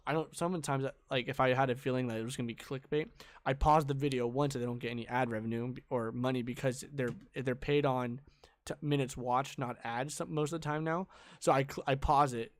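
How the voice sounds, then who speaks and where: A man's voice: medium pitch, fairly even intonation, brisk. A young man co-hosting a podcast in casual chat, rambling and slangy with lots of fillers, at a home mic in his room. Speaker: podcast co-host.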